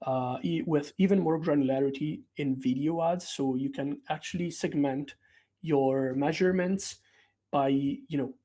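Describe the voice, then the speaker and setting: This man presents a product update for developers in a relaxed, conversational way, stumbling into restarts and fillers often. His first language is Italian, and his voice is fairly high-pitched and mellow.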